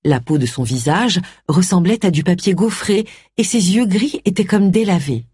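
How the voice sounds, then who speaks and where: A woman narrating a novel in a measured, expressive reading. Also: fairly low pitch, husky, dry recording, clean studio sound. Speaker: audiobook narrator. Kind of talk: scripted narration.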